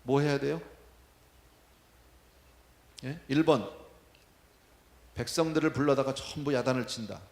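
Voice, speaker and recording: A man's voice: medium pitch, unhurried, creaky, long pauses, darkish tone, roomy sound. A man preaching a sermon, talking in a conversational way and asking the congregation questions. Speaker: pastor. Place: church.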